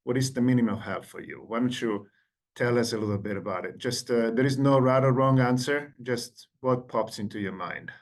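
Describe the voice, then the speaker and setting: A man's voice: medium pitch, moderate pace. A man in his forties from Italy with an Italian accent, giving an online lecture as a guest lecturer and engaging the audience with questions over a video call.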